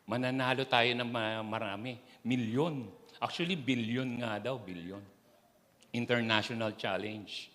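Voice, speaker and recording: A man's voice: mid-range voice, measured pace, a bit bright, big-room sound, close to an everyday voice. A man with a lingering cough voicing an eager young son in a sermon story. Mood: excited. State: recovering from a cough.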